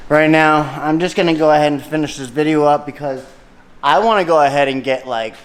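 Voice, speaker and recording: Fairly high-pitched and a bit quick, a young man walks viewers through fixing a car in his home garage with a lift, chatting loosely in slang. The sound echoes off the garage walls, with faint noise.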